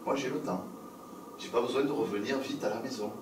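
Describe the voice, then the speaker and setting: A male storyteller voicing a young country girl who softly coaxes a boy to linger with her. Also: mid-range voice, a little fast, a little hiss or hum, pitched below the performer's own voice, lightly acted. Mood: coaxing. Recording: roomy live sound from a distance.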